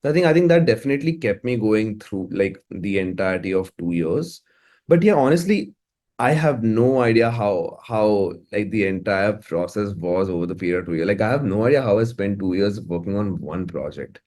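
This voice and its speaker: This man, a musician and music producer with an Indian accent, is a casual interview guest who frequently repeats himself and restarts lines. He has a lowish, somewhat mellow voice, expressive and at normal speed.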